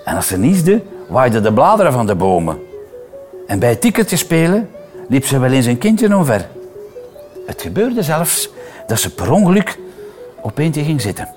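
A man reading a children's story aloud, expressive and playful, switching into voices for the characters. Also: medium pitch, normal speed, pauses often, faint music behind. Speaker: reader.

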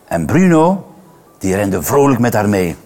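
A man reads a children's story aloud, expressive and playful. His pitch swings in a lively, animated way. Faint music sits underneath the reading. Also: measured pace. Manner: expressive, playful, voices each character. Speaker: reader.

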